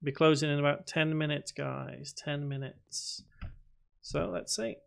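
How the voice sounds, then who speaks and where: A man with a higher, gravelly voice speaks a little slowly with fairly even intonation while hosting a casual live stream. He codes and thinks aloud, talking to himself as he types and reading chat questions aloud, and he describes his own voice as boring.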